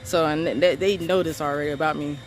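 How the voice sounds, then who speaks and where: A woman talks straight to camera about being wronged, her delivery blunt, profane and unbending. Her voice sits low for a woman, and she hammers each point with emphasis. Faint background noise hangs under her words. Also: steady tone, fast talker. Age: adult parent of three children. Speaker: vlogger recounting her arrest. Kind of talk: angry storytelling vent.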